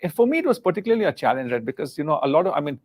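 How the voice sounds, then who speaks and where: A man's voice: a little high, big pitch swings, very fast. A middle-aged man from India, a former business leader, talking earnestly about leadership in a live interview and often repeating words as he searches for the next one.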